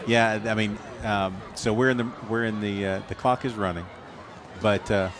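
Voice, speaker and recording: Deeper-voiced guy doing color commentary, kinda rambly, crowd noise and music behind. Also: fairly even intonation, moderate pace. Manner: rambling, good-humored, trails off mid-sentence. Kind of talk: local high school football commentary.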